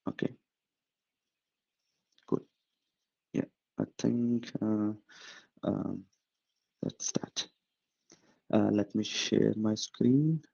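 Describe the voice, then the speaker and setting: A man hosting a webinar on a video call, speaking haltingly with many fillers while he checks whether people can hear him. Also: lowish voice, gravelly, darkish tone, breathy edge, dull audio. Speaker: webinar host. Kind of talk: casual webinar setup chat. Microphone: computer mic on video call.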